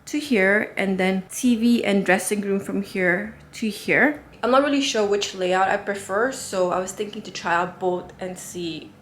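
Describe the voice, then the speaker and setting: A woman, thinking aloud in a relaxed, chatty way as she vlogs from her apartment. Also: medium pitch, measured pace, few pauses, a little hiss or hum. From Nepal. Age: 30s. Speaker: vlogger. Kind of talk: casual vlog narration. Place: apartment, indoors. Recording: roomy apartment echo.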